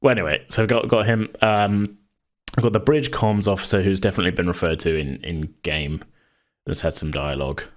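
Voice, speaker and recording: Speaking at a brisk clip with a steady tone, this deep-voiced man hosts a podcast. He wanders through a relaxed, think-aloud chat about the game he runs.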